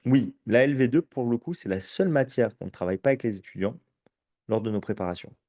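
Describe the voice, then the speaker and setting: A man's voice: mid-range voice, animated, fast talker, mellow, dry recording, studio quality. A man teaching, presenting entrance exams to an audience in a conversational way, often checking "ok?", with restarts along the way, and with a French accent. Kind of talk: live conference presentation.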